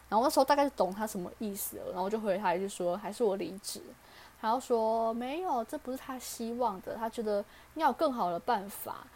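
A woman's voice: medium pitch, a little mellow, slight background noise. A young woman from Taiwan with a Taiwanese Mandarin accent, hosting a podcast and casually telling a personal story, acting out the lines of the people in it. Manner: chatty, acts out quoted dialogue. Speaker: podcast host.

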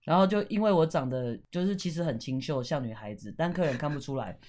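A woman's voice: sits low, animated, fast, darkish tone. Playful woman, laughing storyteller. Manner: playful, self-mocking, laughs often. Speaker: guest tour leader. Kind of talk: casual studio chat.

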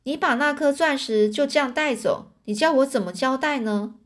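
A woman's voice: high-pitched, close to an everyday voice. Sherlock Holmes, polite and wry, read by a woman. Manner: courteous and unhurried. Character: polite, calm, wry male detective.

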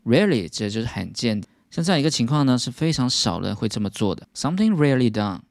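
A man's voice: medium pitch, big pitch swings, quick pace, vocal fry, dry recording, clean studio sound. A man with a Taiwanese Mandarin accent teaching English news vocabulary, explaining each word steadily and stressing the English terms.

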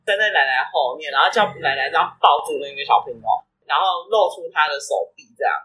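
A woman's voice: low voice, quick pace, slightly rough, rough recording. A woman, a mother and podcast co-host, telling a story in casual chat and acting out the scenes. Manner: animated storyteller, acts out scenes.

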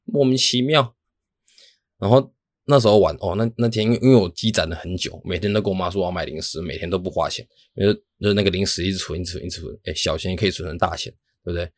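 A young man tells a story in a low voice, rushing through his words. He rambles and mocks himself, with restarts. The sound is dry and close. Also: dry recording. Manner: rambling, self-mocking, talks fast with many restarts. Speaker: podcast host. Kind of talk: casual storytelling monologue.

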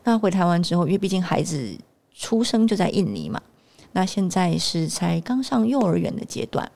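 A woman's voice: on the low side, vocal fry, a little mellow. A woman telling a story in a casual vlog, chatty and hesitant, full of fillers and restarts. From Taiwan. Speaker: vlogger and mother.

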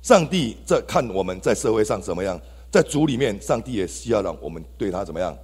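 Husky, animated Taiwanese man testifying. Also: lowish voice, fast talker. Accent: Taiwanese Mandarin. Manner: animated, exclamatory, addresses the congregation. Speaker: church member giving testimony. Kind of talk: testimony sermon. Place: church hall. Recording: reverberant church hall.

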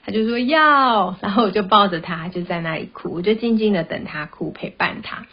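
A mother hosts a parenting podcast, chatting gently and sharing stories about her kids. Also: on the low side, quick pace, slightly rough. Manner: gentle, chatty, tells personal anecdotes. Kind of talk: casual podcast monologue. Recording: dull, slightly lo-fi sound.

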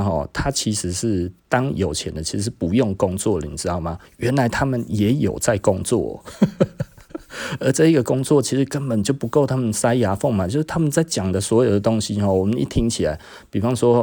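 A middle-aged man, hosting a podcast and casually telling stories from his own life, tagging his phrases with a drawn-out "hm" particle and chuckling as he goes. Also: fairly low pitch, mellow. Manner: tags nearly every phrase with a drawn-out "hm" particle and chuckles often. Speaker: podcast host. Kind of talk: casual personal storytelling.

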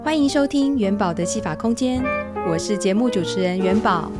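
A woman with a Taiwanese Mandarin accent hosts a radio show, reading scripted introductions and interviewing a guest while music plays behind her. Her voice is mid-range, with lively intonation and a normal speed.

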